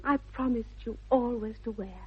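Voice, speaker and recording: A dull vintage radio recording captures a young Victorian lady with a British accent, her voice very high and a little husky, speaking at normal speed. Dreamily romantic and headstrong, she delivers her lines with precise, earnest, affected diction, like something from a 1960s comedy of manners.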